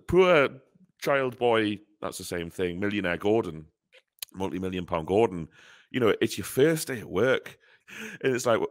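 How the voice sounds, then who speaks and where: Low-voiced man joking on a fan podcast. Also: no room sound, studio quality. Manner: animated, joking, swears casually. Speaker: podcast co-host. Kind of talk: casual chat.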